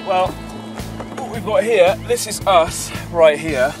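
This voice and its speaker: Higher-voiced man reporting, music behind. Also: takes it slowly. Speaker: presenter reporting on a storm chase. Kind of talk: on-location video diary commentary. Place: outdoors by the road and inside a car. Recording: loud music, outdoor and car noise, distant mic.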